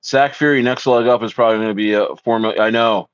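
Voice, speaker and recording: A fast-talking man from South Jersey, USA, with a smooth, medium-pitched voice hosts a casual livestream, reading viewer comments and hyping things up. His talk is slangy and repetitive, full of "bro," and the audio is dull, lo-fi, and dry.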